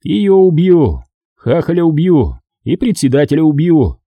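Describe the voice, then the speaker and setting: A hot-tempered young soldier, heated and threatening, as a male narrator plays him. His voice sits higher and louder than the narrator's, with a husky edge. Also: very animated, measured pace, no echo, highs cut off, full character voice. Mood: heated threats.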